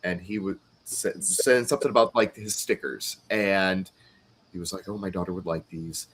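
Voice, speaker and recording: Animated male artist telling convention stories. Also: sits low, moderate pace, a little hiss or hum. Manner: animated storyteller, acts out customers' voices. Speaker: podcast host and artist. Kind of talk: casual chat.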